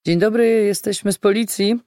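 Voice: medium pitch, fairly even intonation, moderate pace, darkish tone, dry recording, clean studio sound, voice pushed up, natural voice. An audiobook reader voicing a formal middle-aged male police inspector with a businesslike manner.

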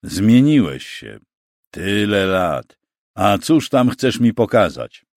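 A proud, capricious bishop with a deep, solemn voice, as a male narrator puts him on. He speaks sternly, intoning his words with lively rises and falls. The recording is dry and close. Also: slow pace, no room sound, exaggerated voice.

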